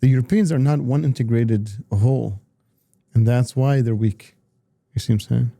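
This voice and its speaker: A man talking politics as an analyst in a casual discussion, halting often with repeated words and restarts. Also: medium pitch, gravelly, warm tone, no room sound, studio quality.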